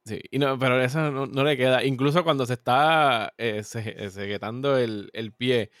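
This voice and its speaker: A man's voice: medium pitch, normal speed, fairly bright tone, no room sound, studio quality. A man co-hosting a casual film discussion, giving his opinions freely and laughing easily. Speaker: podcast co-host.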